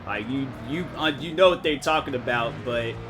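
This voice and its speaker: A young gaming streamer chats casually over a racing game, with game music and engine noise behind him. He speaks at a moderate pace in a medium-pitched voice, rambling with lots of fillers and restarts.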